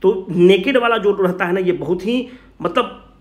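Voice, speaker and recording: A little slow, with the high frequencies cut off, a high-voiced exam coaching teacher with a Bihari Hindi accent gives a relaxed revision lecture. He asks questions, answers them himself, and emphatically repeats key points in everyday language. The room is strongly echoey.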